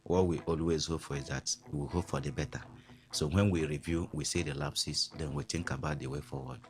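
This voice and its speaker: Deep low guy on a radio panel, slow thoughtful talk. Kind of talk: casual studio chat.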